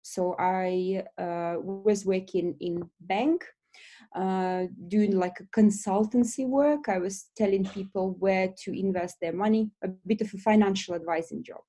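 A woman with a soft-edged, mellow tone and a Belarusian accent answers questions in a casual interview. English is not her first language, and her phrasing is hesitant, with frequent small pauses. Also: medium pitch, steady tone. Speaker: interview guest, lash business founder.

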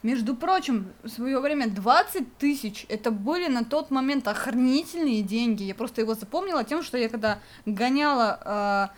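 A woman's voice: fairly high pitch, expressive, moderate pace, few pauses. A young woman with a slightly raised voice chats casually as a podcast co-host. She rambles and circles back, padding her speech with fillers and laughing easily. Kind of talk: casual nostalgic chat.

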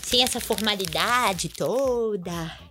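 A woman hosting a comedic clown podcast, talking in a playful, theatrical and bossy way with sudden high squeals. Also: slow pace, noisy background. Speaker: podcast host.

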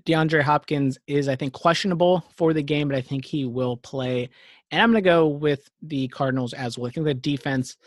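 A man's voice: a little high, moderate pace, no echo. Dry-voiced man previewing football picks. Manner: runs through game previews, teasing banter. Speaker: podcast co-host. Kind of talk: casual sports picks chat.

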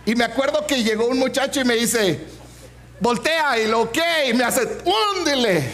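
Man preacher, 40s, very high voice, humorous storyteller. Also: fairly even intonation, fairly quick, fairly bright tone. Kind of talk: sermon with personal story.

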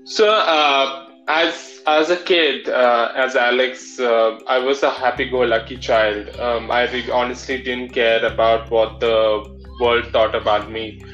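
A man with a Malayali Indian English accent telling his own story as an interview guest, in a halting way with plenty of filler phrases. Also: medium pitch, fairly even intonation, fairly bright tone. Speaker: interview guest, drag performer. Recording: dull lo-fi audio with music.

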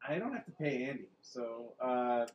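A man's voice: medium pitch, expressive, normal speed, dull audio, a little hiss or hum. A man hosting a comedy podcast in casual chat, with a laid-back, wry, hesitant way of talking. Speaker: podcast host.

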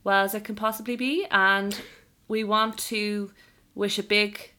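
A woman's voice: medium pitch, level tone, measured pace, bright, forceful tone. An Irish woman co-hosting a podcast, chatting casually and with enthusiasm. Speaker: podcast co-host.

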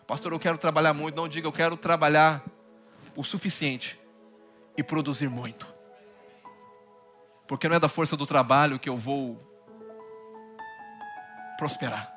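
A pastor delivers a sermon in a high, bright, forceful voice. He swings between urgent loud bursts and hushed low stretches, calling the listeners brother. Soft music plays faintly underneath. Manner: addresses listeners as brother, often says hallelujah.

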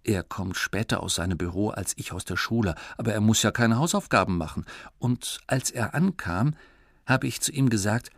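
A man gives an expressive, scripted narration of a children's book. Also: on the low side, normal speed, no echo, clean studio sound. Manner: lively, expressive reading. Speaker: audiobook reader.

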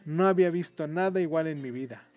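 A man voicing an excitable, anxious rich man's wife in a read-aloud story, with high, shrill exclamations. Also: quick pace, soft background music, close to an everyday voice. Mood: delighted.

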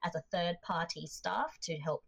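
A woman co-hosting a casual chat show, talking in a loud, chatty storytelling way a little back from her mic. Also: fairly low pitch, normal speed, vocal fry, husky. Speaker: podcast co-host, convention staff and interpreter. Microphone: mic about thirty centimeters away.

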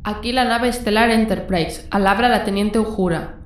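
A woman voicing a starship communications officer, heard through a sci-fi communicator with beeps, crisp and formal. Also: mid-range voice, normal speed. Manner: crisp formal radio protocol. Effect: sci-fi communicator transmission with beeps. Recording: distant echoey comm line with static.

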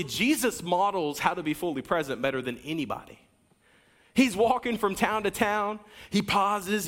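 A man giving a sermon as a pastor, preaching energetically with wide swings in pitch and loudness and talking straight to the congregation. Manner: addresses the congregation directly, with asides and a coaching tone.

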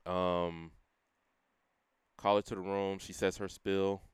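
A young man sharing a personal testimony in a casual interview, earnest and full of everyday slang, quoting himself in a quieter voice. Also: sits low, level tone, slow, clean tone, no room sound, clean studio sound. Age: young adult. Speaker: guest sharing his testimony.

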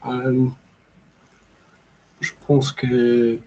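A man hosting a podcast conversation, asking questions in halting, hesitant French full of pauses and slips. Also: medium pitch, monotone, warm tone, highs cut off, a little hiss or hum.

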